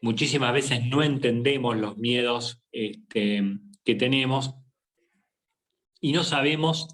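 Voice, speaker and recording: A man, a psychologist giving a reflective faith talk, speaking slowly with many pauses and fillers. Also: medium pitch, a bit bright. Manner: slow and halting, many fillers and tag questions. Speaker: psychologist leading a faith workshop. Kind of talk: reflective talk with a scripture reading.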